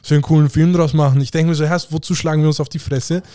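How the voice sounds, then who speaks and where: A man's voice: fairly high pitch, fairly even intonation, quick pace, mellow, no echo, studio quality. A young man, a guest in a casual podcast chat, speaking bluntly and frankly in slang.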